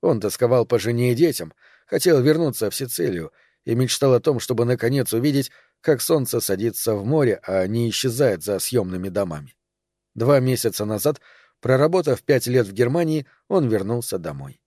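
A man reads a novel aloud in a steady, measured way, his pitch sitting in an ordinary middle register. The recording is dry and close, with no room echo. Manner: even, measured storytelling. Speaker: audiobook reader. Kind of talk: scripted narration.

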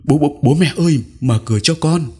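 A man's voice: medium pitch, expressive, unhurried, a little mellow, husky, voice pushed up. A man voicing a frightened young schoolchild who stammers and pleads. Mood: pleading.

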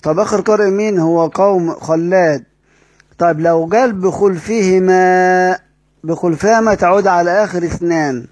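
Here the Egyptian-accented teacher walks through Quran recitation rules like a classroom explanation, asking and answering his own questions and repeating key phrases. His voice sits high and is a little mellow, at a moderate pace, with no audible room sound.

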